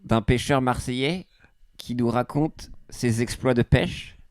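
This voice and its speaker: A man co-hosting a podcast, joking easily. His voice sits at a middle pitch. He keeps a casual, teasing tone. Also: measured pace, dry recording, studio quality. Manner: joking, requests impressions. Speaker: podcast co-host.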